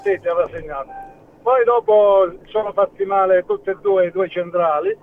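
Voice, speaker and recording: A high-voiced man talks over a phone line. The sound is tinny and narrow, with a faint hiss underneath. He speaks haltingly and often restarts his sentences. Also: fairly even intonation. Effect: heard over a phone line. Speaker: football club president. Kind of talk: phone-in interview.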